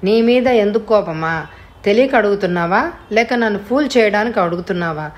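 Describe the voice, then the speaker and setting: A woman's voice: medium pitch, animated, a little fast, highs cut off, lightly acted. A woman reading an audiobook voices a cruel, vengeful man who speaks harshly and mockingly. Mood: bitter. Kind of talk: audiobook character voice.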